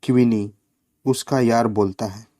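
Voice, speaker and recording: A man's voice: medium pitch, steady tone, a little slow, dark tone, no room sound, clean studio sound, natural voice. A man reading a story voices a cheeky, spoiled little boy who teases and taunts in a singsong way. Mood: taunting.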